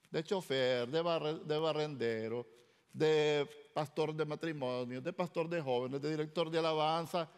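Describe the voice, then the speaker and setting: Pastor telling his testimony in a reverberant hall. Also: fairly high pitch. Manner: storytelling, animated, acts out quoted dialogue. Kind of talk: sermon testimony.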